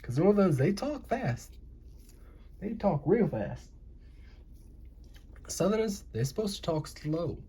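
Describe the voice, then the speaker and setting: A man's voice: high voice, big pitch swings, slow, long pauses, dark tone, husky. A young man with a Southern American accent, rambling and joking to himself while drawing. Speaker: animation channel host. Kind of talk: casual drawing commentary. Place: indoors at home.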